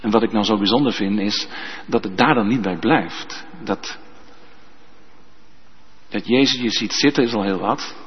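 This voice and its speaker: A man preaching a sermon as pastor, slow and emphatic, often ending points with a tag question. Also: on the low side, slightly rough. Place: church. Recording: dull sound with long church reverb.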